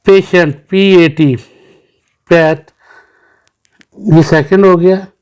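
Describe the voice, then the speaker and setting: A man's voice: high-pitched, fairly even intonation, very slow, a little mellow, smooth. A man teaching children English, patiently sounding out words syllable by syllable. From Pakistan. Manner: mixes English terms into Hindi-Urdu explanation. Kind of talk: recorded English lesson for children.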